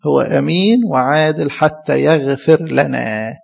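Male preacher, egyptian accent, husky voice, rather high, asks and answers his own questions. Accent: Egyptian Arabic. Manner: asks the audience questions and answers them himself; quotes verses slowly and with emphasis. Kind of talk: sermon on scripture. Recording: dull, echoey hall recording.

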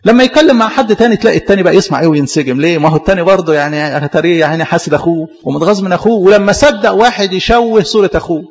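Fast-preaching Egyptian man in a hall. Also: sits high, highs cut off. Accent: Egyptian Arabic. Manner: rapid, repetitive preaching with rhetorical questions. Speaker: pastor. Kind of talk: Coptic church sermon.

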